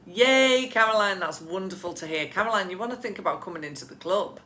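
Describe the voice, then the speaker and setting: Bright, chatty woman coaching from home. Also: lowish voice, quick pace, echoey room. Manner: chatty and encouraging, addresses viewers by name. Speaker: business coach for photographers. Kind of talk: casual live coaching session. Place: at home with pets nearby.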